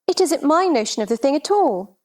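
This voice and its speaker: A woman's voice: high-pitched, sing-song, brisk, darkish tone. A woman playing a scatterbrained, helpless queen in a theatrical children's storybook drama, fluttery and fussy. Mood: fussy, insistent. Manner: fluttery, nonsensical insistence, crying out.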